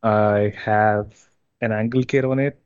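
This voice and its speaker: A young man from India, chatting casually as an interview guest, relaxed and hesitant with many fillers. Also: on the low side, slow, no room sound, highs cut off. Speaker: interview guest, amateur drifter.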